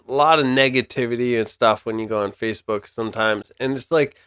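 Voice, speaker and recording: Casual podcast host, male, medium pitch, effusive, slangy, no room sound. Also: brisk, a bit bright, clean tone, no echo, studio quality. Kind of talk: casual geek-culture podcast chat.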